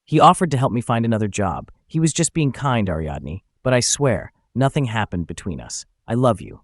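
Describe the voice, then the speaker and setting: Tearful, pleading guilty wife, read by a male narrator, lively lilt. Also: medium pitch, moderate pace, dry recording. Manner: pleading, apologetic. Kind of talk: storybook narration.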